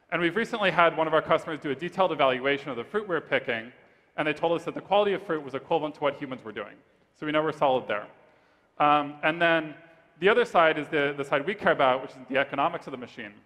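A man pitching his startup on stage, then answering judges' questions in a steady, rehearsed way. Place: large event hall stage. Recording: reverberant conference hall.

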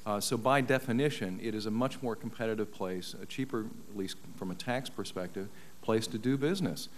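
A middle-aged man testifying as an expert witness, measured and argumentative, on a desk mic in a large paneled hearing room. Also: fairly low pitch, a little hiss or hum. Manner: measured, argumentative, many uh fillers. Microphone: desk microphone.

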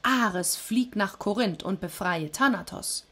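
The quick-tempered king of the gods gives orders and questions his servants. A woman reading the myth aloud plays him with a breathy, husky voice and a commanding tone. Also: medium pitch. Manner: commanding, growing loud.

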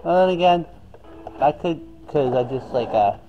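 A man's voice: a little high, lively intonation, normal speed, muffled recording. A man filming himself while shopping for a hat in a big western wear store, asking rambling, hesitant questions in casual chat. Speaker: vlogger shopping as customer. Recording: store music faintly behind.

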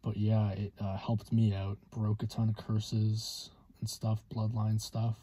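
A man in his twenties gives a casual, halting monologue in a car. His voice is lowish and very mellow, with a husky edge. He hesitates often and leaves long pauses. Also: completely flat delivery. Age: 20s. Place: inside a parked car.

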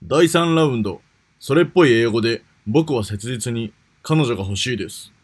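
Husky male contest announcer. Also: mid-range voice, lively intonation, moderate pace. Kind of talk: scripted round announcement.

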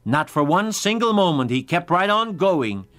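A man teaching the Bible in a radio sermon. He preaches with emphasis, jumping up in pitch and slowing down hard on key words as he reads scripture aloud. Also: very animated, fairly bright tone. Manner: emphatic, with sudden pitch rises and slow, drawn-out stresses; reads scripture aloud in old-fashioned wording.

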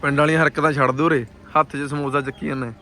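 A man's voice: on the high side, little pitch movement, quick pace. A man with a Punjabi accent hosting a casual vlog, teasing his friends in colloquial banter and peppering them with questions. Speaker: vlog host.

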